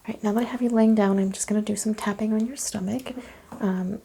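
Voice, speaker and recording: Gravelly whispering woman doing medical ASMR. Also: medium pitch, fast talker, a little hiss or hum. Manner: soft, calm, clinical bedside whisper. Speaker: ASMR roleplay doctor.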